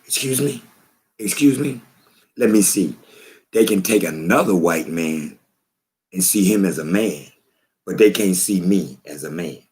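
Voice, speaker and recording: Slow, deep-voiced man preaching to camera. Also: expressive, a little mellow. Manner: preachy, repetitive, emphatic. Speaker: vlogger. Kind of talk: slow spoken commentary to camera.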